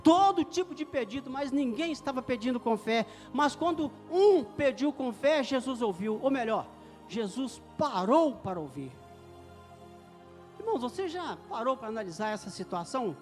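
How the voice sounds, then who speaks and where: A middle-aged man preaching a sermon in a church hall, fervent and swelling to loud declarations. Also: very high voice, very animated, moderate pace. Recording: echoey hall with music behind.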